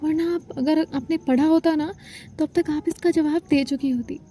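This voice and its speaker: Shy, earnest student girl voiced by a woman storyteller; high, mellow, a little hesitant. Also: steady tone, normal speed, natural voice. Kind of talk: storytelling dialogue.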